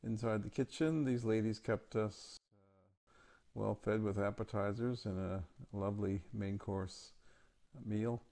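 A man giving a casual, halting voice-over for his holiday photos, with many ums and uhs. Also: fairly low pitch, steady tone, warm tone. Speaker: travel vlog narrator.

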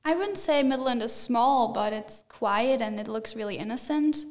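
Teen girl, hesitant and slightly high. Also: lively intonation, moderate pace, darkish tone. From Germany. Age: teens. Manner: hesitant, many fillers. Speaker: exchange student guest. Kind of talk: casual interview answers. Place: small school studio. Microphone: desk mic with headphones.

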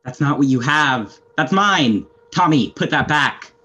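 A man's voice: a little high, lively intonation, a little slow, bright, forceful tone, breathy edge, full character voice. A young man playing a stern, weary, menacing anarchist fighter, curt and sardonic, in an amateur video game role-play drama. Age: young adult. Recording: muffled lo-fi headset audio.

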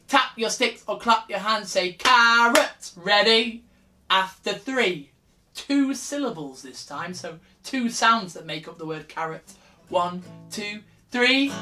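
Upbeat man teaching kids with guitar. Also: sits high. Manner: upbeat, encouraging, sings and prompts children. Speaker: children's music teacher. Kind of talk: interactive kids' music lesson with singing. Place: small room with guitars on the wall, indoors. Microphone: camera in front, seated with acoustic guitar. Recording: guitar accompaniment throughout.

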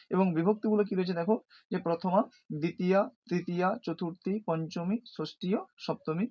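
A man with a fairly high voice teaches a recorded lesson. He asks his own questions and answers them, then recites word forms one at a time and stresses correct pronunciation. The sound is dull and lo-fi. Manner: explains slowly, asking and answering own questions.

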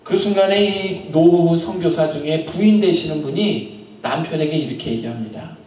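Standing before the altar of a small chapel, a middle-aged pastor with a high voice delivers a storytelling sermon into a handheld microphone. His phrases trail off softly, separated by long pauses. The room is very echoey, and he sounds distant from the mic.

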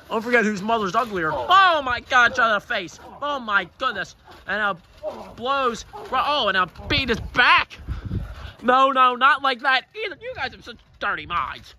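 A man giving excited, joking play-by-play commentary on a wrestling match and shouting out the count. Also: high-pitched, a little hiss or hum.

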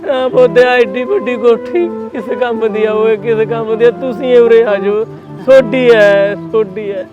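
Guy doing an injured man in pain, crying sorry, high voice, kinda dull lo-fi sound, music behind. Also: steady tone, unhurried. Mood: pleading. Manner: pleading, tearful, repentant. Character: injured remorseful man, abandoned by wife.

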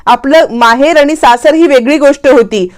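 A woman's voice: sits high, moderate pace, darkish tone, lightly acted. A woman voicing a dutiful traditional young sister-in-law who earnestly reproaches her. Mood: reproachful.

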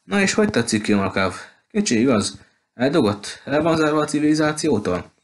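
A man's voice: fairly high pitch, sing-song, voice pushed up. A man voicing a talkative, gushing petite woman who runs a bookshop, in an audiobook. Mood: chatty. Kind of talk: audiobook character voice.

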